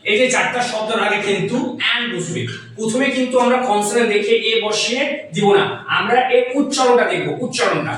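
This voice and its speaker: A man teaching a grammar lesson, repeating sounds slowly and checking whether his listeners have understood. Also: high-pitched, a bit bright, slight background noise. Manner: repeats words and asks "understood?"; spells out sounds slowly, writing as he talks. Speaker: English teacher. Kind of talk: explaining grammar in a classroom lesson. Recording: very echoey room, voice far from mic.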